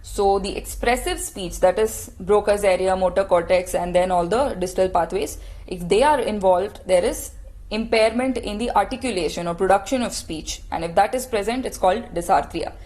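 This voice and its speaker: A woman's voice: mid-range voice, normal speed, a little mellow. A woman lecturing on clinical testing, explaining step by step in a patient teaching tone and asking rhetorical questions.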